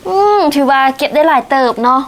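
A woman with a Lao accent and a notably high voice hosts a casual cooking vlog. She chats to her viewers as she works, often teasing her guest. There is a faint hiss under her voice. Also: steady tone, quick pace. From southern Laos. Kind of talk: casual chat while cooking.

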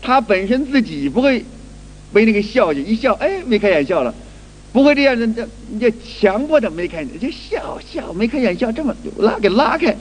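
A man's voice: sits high, very animated, brisk, slight background noise. A man giving a spoken qigong lecture who acts out little everyday scenes and repeats and restarts his phrases. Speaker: qigong teacher. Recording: long hall reverb.

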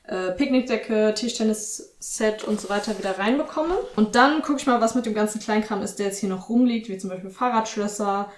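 A young woman in her twenties chats casually to her camera at home, listing her chores one after another. Her pitch sits in a middle range for a woman. A faint hiss of noise stays under her voice in the small room. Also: fairly quick, hardly any pauses. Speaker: lifestyle vlogger. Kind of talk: casual vlog talk to camera. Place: small bright apartment room, indoors.

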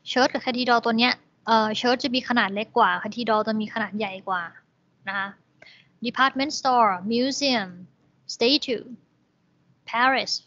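A woman's voice: on the high side, a bit bright. A woman teaching English vocabulary, patiently explaining each word's meaning with polite endings. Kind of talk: slow classroom explanation. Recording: dull lo-fi recording.

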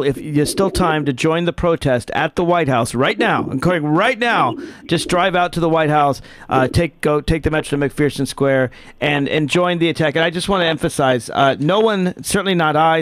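Earnest radio host, dry close mic. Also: male voice, fairly high pitch, no room sound. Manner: earnest, emphatic, repeats words when starting. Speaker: radio talk show host. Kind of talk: talk radio hosting. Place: small home studio by a window. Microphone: studio mic with headphones.

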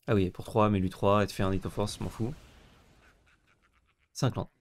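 A young man co-hosting a card game stream, chatting quickly and thinking aloud about his plays. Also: fairly low pitch, steady tone. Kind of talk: casual gaming chat.

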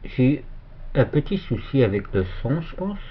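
A man giving a casual, hesitant shoutout for another channel while filming his computer screen, with many fillers and restarts. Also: medium pitch, big pitch swings, measured pace, breathy edge. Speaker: youtuber. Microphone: phone filming a monitor. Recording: dull lo-fi phone recording.

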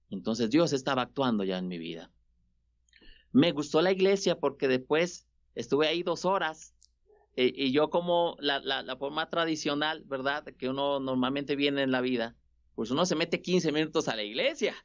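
A man, a radio guest telling his personal testimony in animated, laughing bursts. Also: medium pitch. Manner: animated storytelling with frequent laughs and restarts. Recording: dull lo-fi sound.

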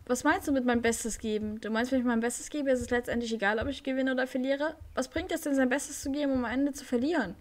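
A woman's voice: sits high, fast talker, hardly any pauses, darkish tone, voice pushed up, close to an everyday voice. A woman voicing Ricky, a nervous young male rider in a horse game, reading his lines aloud with small slips.

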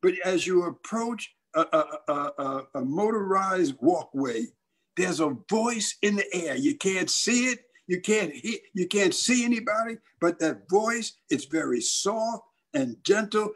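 A man's voice: high voice, lively intonation, a little slow. An older male evangelist pastor telling a dramatic storytelling sermon and acting out the voices.

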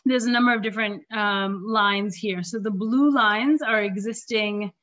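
Woman planner, strained voice going, halting delivery with throat clearing, lo-fi call audio. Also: medium pitch, a bit bright. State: losing her voice. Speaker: park planner presenting at a community meeting. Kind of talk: presentation over slides. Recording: dull lo-fi meeting audio.

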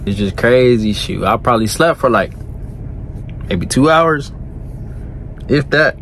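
Late at night in his cab, a truck driver in his thirties vlogs into a phone held close at arm's length, laid-back and slangy, repeatedly saying "you know what I'm saying." His mid-range voice is expressive and fairly bright at a measured pace, with a little hiss or hum.

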